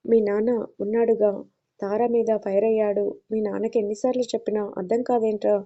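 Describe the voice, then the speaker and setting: A woman voicing a caring, worried middle-aged uncle who talks gently and gives advice in an audio story. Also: mid-range voice, little pitch movement, brisk, muffled recording, lightly acted. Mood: confiding. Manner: gentle, confiding, advising.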